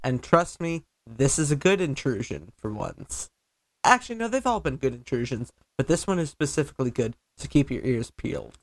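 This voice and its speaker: A man hosting a podcast, chatting casually with a nasal voice and excitable, stumbling delivery. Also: medium pitch, normal speed, no echo, clean studio sound. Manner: excitable, stumbling over words. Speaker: podcast host.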